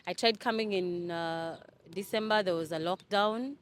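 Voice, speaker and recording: A young woman from Kenya, speaking in a fairly low register. She answers interview questions in a casual, halting way, full of restarts and fillers. A faint hum of background noise sits under her voice. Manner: hesitant, many fillers and restarts. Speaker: interview guest. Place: Dubai.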